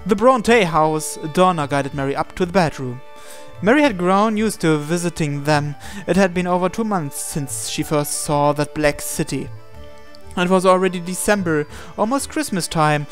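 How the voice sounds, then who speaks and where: Over game music, a man narrates a visual novel aloud in a dramatic read with asides, at normal speed in a high-sitting voice. He sometimes stumbles and repeats phrases.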